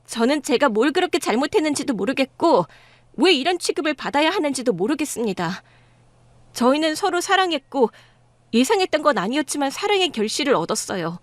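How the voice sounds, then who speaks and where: A defiant young pregnant bride in an audio drama, voiced by a woman. She speaks firmly and indignantly in a high, lively voice. The recording is dry and close. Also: dry recording. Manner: firm, indignant. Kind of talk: dramatized story dialogue.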